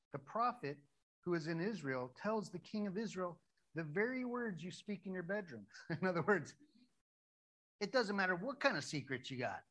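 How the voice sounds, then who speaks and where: A man preaching a sermon, reading a Bible story aloud and acting out the characters in lively asides. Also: sits high, rough recording. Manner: animated, acts out the story characters in quick asides. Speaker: pastor.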